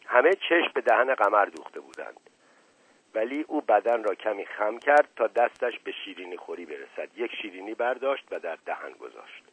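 A man's voice: on the low side, husky. A man narrating an audiobook in a dramatic, varied reading. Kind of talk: scripted narration. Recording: tinny phone-like, dry.

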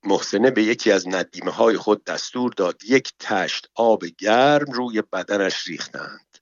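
A man narrating an audiobook in an even, measured storytelling voice. His voice sits mid-range, and the recording is dry with a slightly dull, muffled top end. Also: on the low side, dry recording.

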